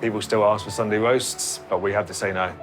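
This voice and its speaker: A man's voice: lowish voice, fairly even intonation, fairly quick. A British man who works as a cook, chatting in an interview with dry jokes. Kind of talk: casual interview. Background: music.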